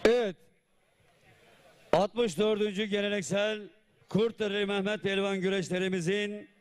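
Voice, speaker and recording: A man working as announcer and auctioneer, calling out a live ceremony at a wrestling festival. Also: high voice.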